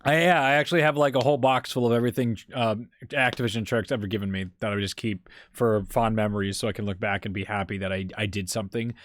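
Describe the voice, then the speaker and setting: A man's voice: fairly low pitch, fast, few pauses, a little hiss or hum. A young man co-hosting a podcast, telling stories in casual chat. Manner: animated storyteller, acts out quoted relatives. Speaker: podcast co-host.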